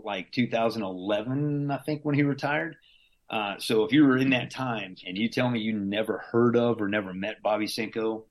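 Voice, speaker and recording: The recording is rough, and the speaker is a middle-aged man from Southern Louisiana with a fairly low voice. As an interview guest and Green Beret veteran, he tells casual conversational stories, rambling, restarting often and laughing frequently.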